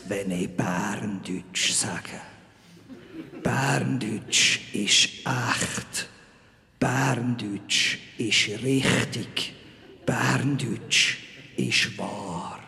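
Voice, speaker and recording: A man with a Bernese Swiss German accent playing a zealous, scornful male archangel in a live spoken-word stage piece, with slow solemn proclamations that turn into shouted insults. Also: medium pitch, creaky, heavily acted. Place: stage in front of a live audience. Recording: live hall with long reverb.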